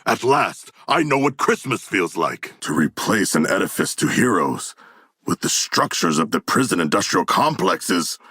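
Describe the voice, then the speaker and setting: Hulking battle-hungry shark warrior, video game. Low, forceful, husky delivery, noble and earnest, stilted formal phrasing. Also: male voice, big pitch swings, normal speed, no echo, clean studio sound, full character voice. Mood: musing, formal. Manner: formal, grandiose, stilted diction with literal-minded earnestness. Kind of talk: theatrical video game voice acting.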